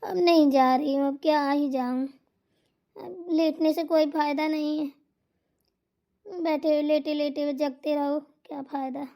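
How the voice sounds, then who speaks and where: A woman's voice: high voice, fairly even intonation, a little slow, dark tone. A woman voicing a sleepy, complaining young sister-in-law in a cartoon comedy, whiny and sulky. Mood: whining.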